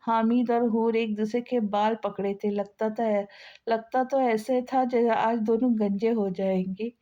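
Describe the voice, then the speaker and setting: A woman's voice: on the high side, fairly even intonation, unhurried, warm tone. A woman narrating a comic family story, reading steadily. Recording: slightly dull lo-fi sound.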